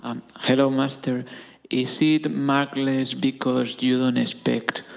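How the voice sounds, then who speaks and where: A man's voice: mid-range voice, flat delivery, slow, creaky. A young man politely asking his teacher a question, hesitant. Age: young adult. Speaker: student.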